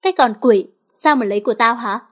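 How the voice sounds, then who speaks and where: A short-fused teenage girl dragged out of sleep , voiced by a woman storyteller. She grumbles and scolds in a somewhat high voice. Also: fairly quick, a bit bright, lightly acted. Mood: grumpy. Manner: grumpy, scolding.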